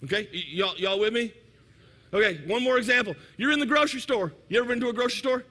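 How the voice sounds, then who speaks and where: High, bright-voiced animated pastor. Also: male voice, fast talker. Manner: animated, acts out little scenes with humor. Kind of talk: sermon.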